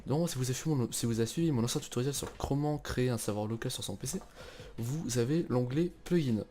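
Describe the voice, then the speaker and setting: A young man hosts a casual tutorial about a game server, talking in a chatty, relaxed way with lots of fillers and restarts. His voice is medium in pitch and his pace is quick.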